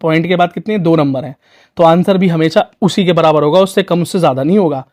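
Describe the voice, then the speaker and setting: A man's voice: fairly high pitch, fast, darkish tone. A young man, teaching physics for exam prep in a chatty, coaxing way full of rhetorical questions.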